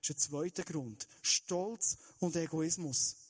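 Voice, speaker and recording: A man's voice: fairly high pitch, unhurried, husky. A man, preaching an Easter sermon in an earnest way and speaking straight to his listeners. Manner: earnest, direct address to listeners, shifting pace.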